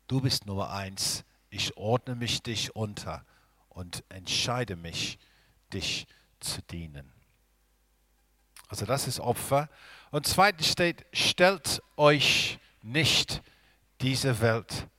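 Male preacher, slow emphatic sermon, dry close sound. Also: mid-range voice, fairly bright tone, no echo. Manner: earnest, slow, emphatic delivery with pauses.

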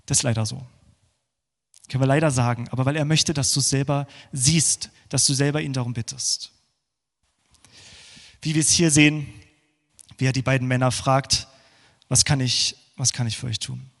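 A man preaching a sermon, moving between fervent passages and hushed, prayerful ones. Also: mid-range voice, fairly quick, pauses often. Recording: long hall reverb.

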